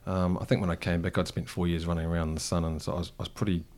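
Talking very fast in a low, darkish voice with little pitch movement, a middle-aged Kiwi cafe co-founder reminisces as an interview guest. The conversation is reflective, and he's thoughtful, with frequent restarts and fillers.

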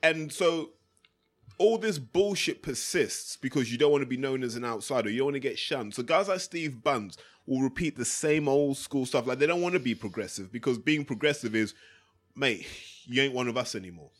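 A British man hosts a casual, opinionated podcast. He explains things in a matey, sweary way, at a medium pitch. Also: expressive, normal speed. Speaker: podcast host.

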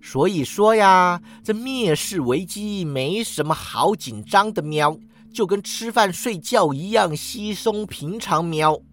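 A man's voice: high voice, expressive, takes it slowly, fairly bright tone, voice pushed up, full character voice. A man reading a story, voicing a smug, lazy male talking orange cat that ends its lines with a meow.

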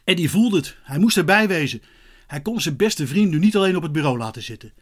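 A man reads a children's story aloud with lively expression, his voice sitting a little high for a man. He keeps the storybook narration brisk and engaged.

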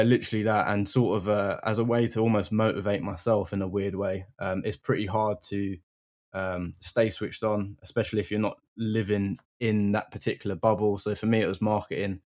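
Chatty young London man, low voice. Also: level tone, moderate pace, a little mellow. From England. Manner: chatty, friendly, many ums. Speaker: podcast guest. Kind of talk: casual interview chat.

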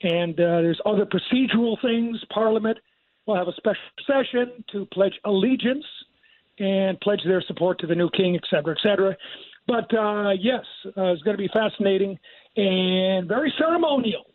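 High-voiced older man on a tinny phone line. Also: no room sound. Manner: measured and reflective. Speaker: news correspondent abroad. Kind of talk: live phone-in news report.

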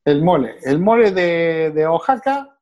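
A middle-aged man tells wine stories as a sommelier. His voice sits fairly high for a man, and he slips into the voices of the people in his stories with a lively, animated delivery. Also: a little slow, dull audio. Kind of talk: anecdotal storytelling.

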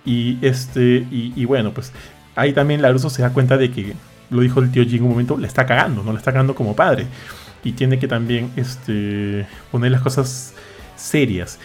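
A man hosts a casual chat. He talks in an animated, slangy way and acts out what others say. Faint music plays behind him. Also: medium pitch, normal speed.

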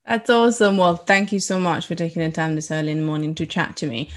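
A woman's voice: fairly low pitch, little pitch movement, fast talker. A woman hosting a marketing podcast, introducing an episode and her guest in an upbeat, chatty way. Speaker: podcast host.

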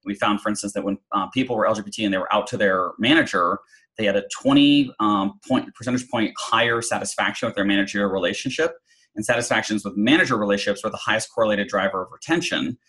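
A man's voice: on the low side, fast talker, a bit bright, rough recording. A middle-aged man telling a personal story in an interview, chatty, with many fillers and restarts. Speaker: guest.

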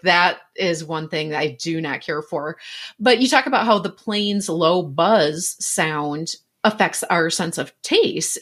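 A woman's voice: lowish voice, fairly bright tone, husky. A woman hosting a podcast interview, talking eagerly about a book and asking the guest questions. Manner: enthusiastic, self-described health geek. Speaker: podcast host. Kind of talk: casual interview talk.

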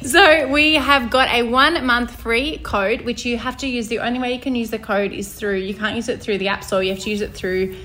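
Brisk with few pauses, the young co-host's slightly high voice stays steady and sharp-toned. She chats casually on the podcast, laughing frequently and starting sentences over.

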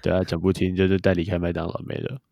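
A man's voice: sits low, completely flat delivery, fast talker, gravelly, dry recording, lo-fi sound. A young man, chatting casually as a podcast co-host and telling stories. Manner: chatty storyteller. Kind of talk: casual chat.

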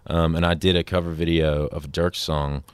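Man from Indiana, very deep voice, laid-back, laughs a lot, dry close sound. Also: level tone, brisk, clear, resonant tone, no room sound. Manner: laid-back, laughs often, many fillers. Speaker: musician guest. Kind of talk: casual interview chat.

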